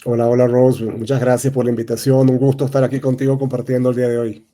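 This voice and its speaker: Hesitant Venezuelan man, mellow voice. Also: mid-range voice, level tone, fast. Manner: hesitant, many fillers and restarts. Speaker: real estate advisor, guest. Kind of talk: casual interview talk.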